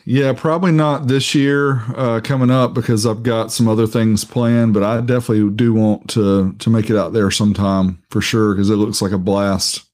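A man appearing as a guest on a live audio podcast, explaining gear and plans in a relaxed way and sometimes unsure of the details. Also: lowish voice, moderate pace, hardly any pauses. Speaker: podcast guest, co-host of another show. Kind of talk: casual podcast chat.

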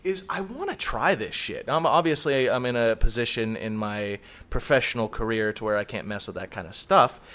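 A man's voice: mid-range voice, normal speed, a bit bright. A middle-aged man chatting casually on a podcast, telling a story in a rambling, profane way. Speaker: podcast co-host. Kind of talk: casual chat.

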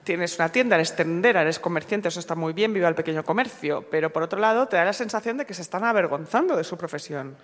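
A woman's voice: on the low side, expressive, fast talker, hardly any pauses. A young woman from co-hosting a podcast, ranting sarcastically and laughing often in casual chat. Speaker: podcast co-host. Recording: long hall reverb.

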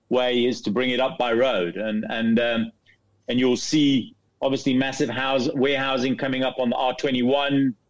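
A middle-aged man from Zambia, a company chief in a business interview, speaking haltingly with many restarts and repeated words. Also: mid-range voice. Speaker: property fund CEO, guest. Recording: dull lo-fi remote line.

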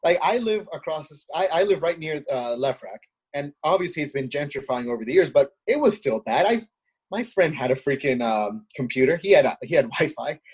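A man's voice: a little high, lively intonation, fairly quick, slightly rough. A man from Queens, a talk show guest who talks casually with many fillers and rising indignation. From Queens, New York. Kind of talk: political talk show chat.

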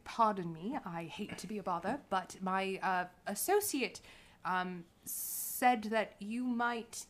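A woman's voice: mid-range voice, slight background noise, lightly acted. A woman playing a courteous, scheming talker. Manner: elaborately courteous, halting. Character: polite, formal, scheming woman negotiator.

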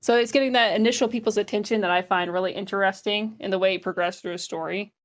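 A chatty woman co-hosting a podcast who leans on "like" as she talks. She sounds enthusiastic and asks the others questions. Her voice sits at a middle pitch. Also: fairly even intonation, fast talker. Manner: chatty, lots of "like" fillers, enthusiastic. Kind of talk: casual chat.

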